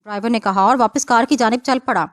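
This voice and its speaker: A woman narrates a novel with a steady storytelling delivery. Her voice sits a little high. The recording is dry and close. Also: no echo. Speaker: audiobook narrator.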